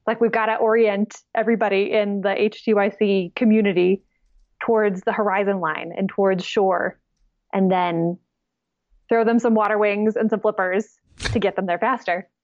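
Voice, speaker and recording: A woman co-hosting a podcast, chatting in an animated, reflective way from a home basement. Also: mid-range voice, normal speed, no echo, muffled recording. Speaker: podcast co-host. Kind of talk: casual podcast chat.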